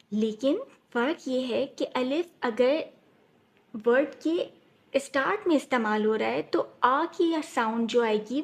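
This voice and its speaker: Slow high-voiced woman teaching phonics. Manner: slow, clear, repeats words for learners. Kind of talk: children's phonics lesson.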